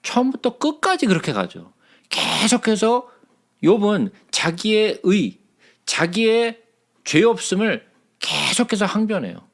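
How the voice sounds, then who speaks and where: Man, a little higher-pitched than most, gravelly; Bible study leader, conversational, keeps asking the room "right?". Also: huge pitch swings, a little slow. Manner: conversational, checks in with listeners often.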